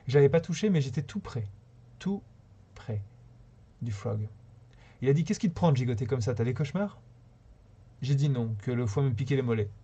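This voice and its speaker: A man reading a short story aloud on a live stream, unhurried, now and then stumbling and rereading a phrase. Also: mid-range voice, dark tone, slightly rough. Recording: slightly dull lo-fi sound.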